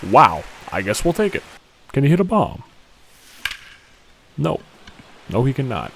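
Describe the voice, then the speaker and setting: A young man giving excitable play-by-play commentary on a video game, shouting on big hits and muttering quieter asides. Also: medium pitch, unhurried, vocal fry, a little hiss or hum. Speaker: gaming YouTuber.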